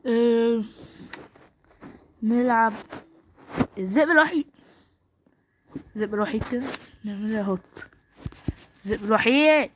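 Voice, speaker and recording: A young woman with an Egyptian Arabic accent giving live gameplay commentary, excitable and trash-talking in short bursts. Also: a little high, normal speed, pauses often, slight background noise. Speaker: gaming streamer.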